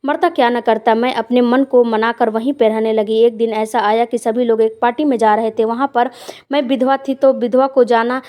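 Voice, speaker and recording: A woman's voice: a little high, steady tone, moderate pace, darkish tone. A woman narrating a first-person story in a plain, conversational way with emotional weight.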